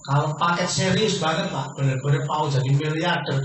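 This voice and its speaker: A man giving a persuasive sales seminar pitch, constantly addressing the audience as sir and quizzing them. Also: normal speed, fairly bright tone, slight background noise. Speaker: business opportunity presenter. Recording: very echoey hall from far off.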